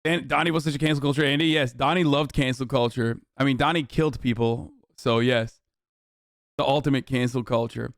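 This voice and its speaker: A man's voice: mid-range voice, fairly even intonation, fairly quick, dry recording, clean studio sound. A man in his thirties ranting on a livestream, sarcastic, heated and full of swearing. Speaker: streamer. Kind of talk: livestream reaction rant.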